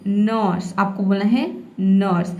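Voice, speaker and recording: A woman's voice: a little high, moderate pace, dull audio. A woman teaching English pronunciation in Hindi, explaining rules patiently and repeating each word. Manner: patient, repeats words and checks with "theek hai".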